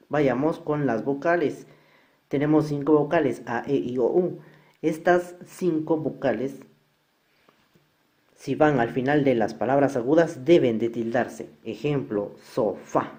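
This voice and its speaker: A man's voice: medium pitch, warm tone. A male teacher explaining a lesson step by step over slides, repeating each example.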